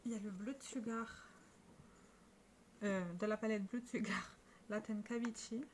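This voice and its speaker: A woman's voice: medium pitch, fairly even intonation, moderate pace, slight background noise. A French-speaking woman talking casually to camera about her makeup, chatty and showing each product with small restarts. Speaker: beauty vlogger.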